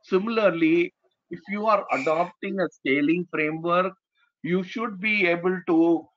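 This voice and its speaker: A man explaining slides as a trainer, haltingly, with frequent "you know" and "right?" tags. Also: high-pitched, a bit bright. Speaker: presenter, trainer. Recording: dull, lo-fi online audio.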